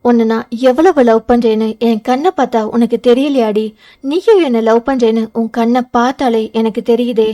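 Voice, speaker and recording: An intense, stubborn young lover, voiced by a woman reader in an audio novel. The delivery is urgent and quick, with a somewhat high, mellow tone. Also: fairly even intonation, close to an everyday voice. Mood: pleading. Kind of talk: audio novel character reading.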